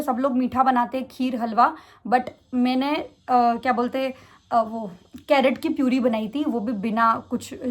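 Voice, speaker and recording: A young woman vlogger answering viewer questions in a fast, chatty way. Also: high voice. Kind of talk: casual Q&A chat.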